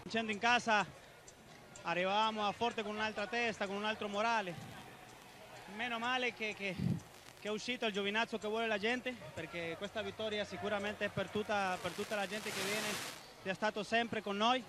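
High-voiced male athlete, post-match interview. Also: fairly even intonation, a little fast. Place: large indoor sports hall. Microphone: handheld interview microphone. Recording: noisy sports hall interview.

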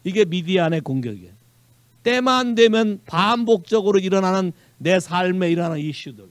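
Male Korean pastor, high voice, lively preaching with bits of English, dry close sound. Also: normal speed, no echo. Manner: animated preaching, mixing Korean with English phrases, quizzing the congregation. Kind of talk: sermon. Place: church sanctuary.

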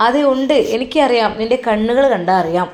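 A woman's voice: fairly high pitch, expressive, fairly quick, natural voice. A woman voicing an elderly father who presses his wife with firm questions. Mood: firm, pressing.

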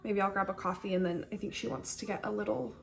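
With a gravelly, mid-range voice, this young pregnant vlogger talks quickly in a steady tone, with slight noise in the background. A tired stay-at-home mom, she fills her casual chat with fillers while filming on a phone held at arm's length. The setting is her large, bright kitchen and living room indoors.

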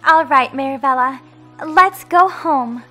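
A woman voicing a fierce, devoted mermaid mother in an animated game story. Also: high-pitched, a little slow, soft background music. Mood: grateful, gentle. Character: fierce, devoted mermaid mother seeking her lost daughter.

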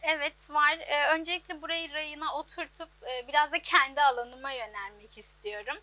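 A Turkish woman in her twenties who owns a laundry answers interview questions plainly and hesitantly, with many fillers, in an outdoor workshop. Her high-pitched voice is pushed and bright, fairly even in intonation and a little fast, and the recording is dry.

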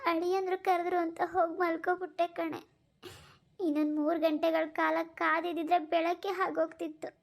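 A woman voicing a middle-aged mother who soothes her daughter in a cartoon, guilt-ridden and gentle. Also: very high-pitched, level tone, moderate pace, gravelly. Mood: consoling. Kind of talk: cartoon voice acting.

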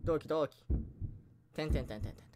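A man's voice: a little high, rapid-fire, a little mellow, no room sound. A man giving let's play commentary while he plays, chatty and easily startled, yelping and repeating words when something frightens him. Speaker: game streamer.

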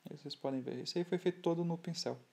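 A man with a Brazilian Portuguese accent explaining scale model building in a relaxed, halting way, often restarting his sentences. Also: a little high, gravelly. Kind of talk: hobby tutorial voice-over.

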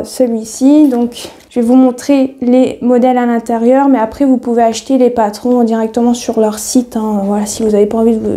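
Female vlogger, very warm and dark tone, chatty and meandering, laughs at herself. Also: a little high. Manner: rambling and chatty, many hesitations; self-deprecating, easily laughing. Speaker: sewing vlogger. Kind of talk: casual haul video chat.

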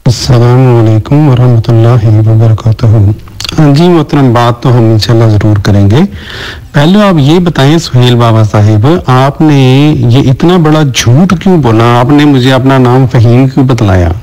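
A man's voice: medium pitch, mellow, low-quality recording. A man in a recorded voice message, insistently repeating pointed questions to his opponent. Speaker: debater in voice messages.

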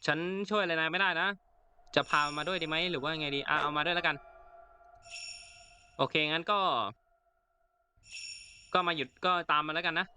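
A man talks his way through a horror game, reacting in a chatty way and reading the story text aloud. His voice sits a bit high and sounds sharp and bright. A faint hiss stays behind him. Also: steady tone, moderate pace, pauses often. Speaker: gaming channel host. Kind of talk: let's play commentary.

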